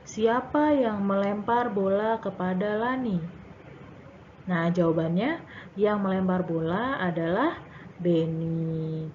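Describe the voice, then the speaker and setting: A woman primary school teacher giving a recorded lesson to young pupils, speaking gently and patiently. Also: mid-range voice, a little hiss or hum. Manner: gentle, patient, addresses children as Nak. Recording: tinny phone-like sound.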